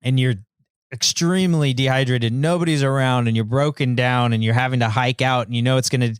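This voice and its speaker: Man, American accent, casual podcast talk, halting phrases, middle pitch, dry close recording. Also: fairly even intonation, clean tone, dry recording. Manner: loose, thinking aloud in halting phrases. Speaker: podcast co-host. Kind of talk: casual chat.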